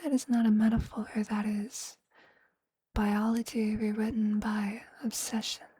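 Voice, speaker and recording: A medium-pitched performer keeps a level tone while voicing a tender, motherly, possessive vampire. It's a soft, breathy whispered ASMR roleplay delivered slowly and intimately in formal, poetic language, without any room sound.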